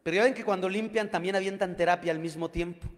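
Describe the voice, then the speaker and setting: A man's voice: sits high, fairly even intonation, fast talker, long reverb tail. A man with a Mexican accent sharing his recovery testimony with his group, using crude slang and calling his listeners compañeros.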